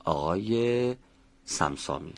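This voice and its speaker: A man's voice: low voice, animated, vocal fry. A man teaching a pronunciation class, patiently explaining how each sound is made and calling on students by name.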